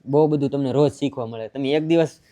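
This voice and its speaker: A man's voice: mid-range voice, brisk, dark tone, muffled recording. A man, giving blunt advice in a casual chat. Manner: blunt, preachy, matter-of-fact. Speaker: vlogger.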